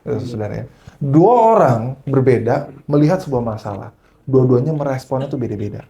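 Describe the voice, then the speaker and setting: A man's voice: mid-range voice, a little fast, lo-fi sound. A man preaching a sermon at a church service, switching into English phrases and often checking in with the congregation as he tells stories. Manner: animated storyteller.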